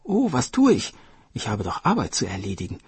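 A man's voice: mid-range voice, wildly swooping pitch, brisk, breathy edge, dry recording, pitched above the performer's own voice, heavily acted. A man voicing a loyal, eager female sea turtle who is earnest and full of wonder. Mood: amazed.

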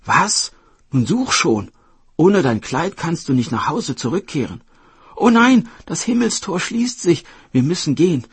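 A man voicing the elder fairy sisters in a storybook tale, hurried and bright. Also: on the high side, sing-song, breathy edge, no room sound, voice pushed up, full character voice. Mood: urgent. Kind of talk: storybook narration.

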